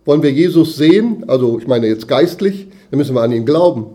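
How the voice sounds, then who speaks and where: A man preaching a sermon in a conversational way, often tagging lines with quick "ja?" asides and swelling then dropping his voice for emphasis. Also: medium pitch, animated, mellow.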